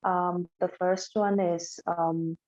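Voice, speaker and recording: A woman's voice: lowish voice, little pitch movement, slow, darkish tone. A woman from Indonesia, hesitantly asking a teacher questions over a video call with many ums. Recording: muffled video call audio.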